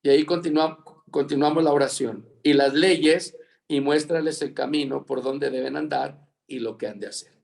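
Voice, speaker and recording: A man's voice: on the high side, fairly even intonation, moderate pace, gravelly, a little mellow. A man teaching a Bible leadership lesson over a video call, dictating words for students to fill in and repeating them.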